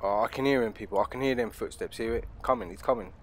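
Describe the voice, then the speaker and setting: A man's voice: medium pitch, fast, slight background noise. A man with a British accent giving casual, slangy, sweary game commentary, addressing his viewers with joking threats. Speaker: gamer playing a horror game. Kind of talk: casual let's play commentary. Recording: faint game ambience behind voice. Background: horror game ambience.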